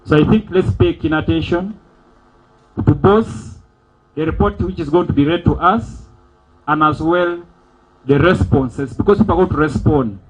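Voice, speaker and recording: A man's voice: on the high side, normal speed, breathy edge. A man acting as master of ceremonies at a members' meeting, giving repetitive, emphatic instructions to the audience through a PA microphone. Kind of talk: formal announcements to an audience. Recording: dull lo-fi event recording.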